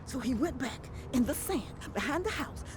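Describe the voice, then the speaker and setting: A woman with a Lowcountry Gullah Geechee accent telling a folktale aloud in a theatrical, emphatic way, repeating phrases. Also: lively intonation, moderate pace. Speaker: storyteller. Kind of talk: animated oral folktale telling. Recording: clearly noisy background.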